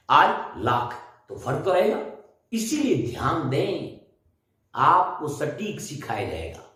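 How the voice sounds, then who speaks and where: A man's voice: on the high side, fairly bright tone. A male teacher lectures on grammar in a strongly reverberant room, his voice bouncing off the walls. He recites letter lists one by one, stretches words to stress how they are pronounced, and keeps firing questions back at his students for them to answer. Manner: drills students with call-and-response questions. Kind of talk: classroom lecture. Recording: very echoey room.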